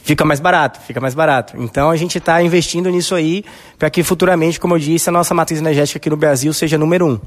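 A man's voice: on the high side, fairly even intonation, fast. A Brazilian man with a Brazilian Portuguese accent, a businessman answering a reporter confidently with many fillers. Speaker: solar energy businessman. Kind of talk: on-site news interview answers. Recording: echoey hall.

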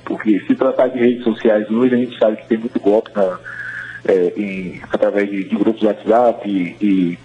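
A man's voice: lowish voice, steady tone, measured pace. A man with a Bahian Brazilian accent, speaking conversationally as a guest calling in to a radio interview. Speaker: phone-in guest, music project organiser. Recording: dull, band-limited remote call.

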